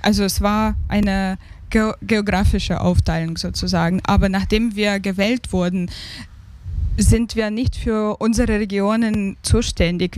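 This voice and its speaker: This interview guest is an advisory board member, a woman from Ukraine in her thirties with a Ukrainian accent. She answers in a smooth, darkish, medium-pitched voice, hesitating as she looks for the right words.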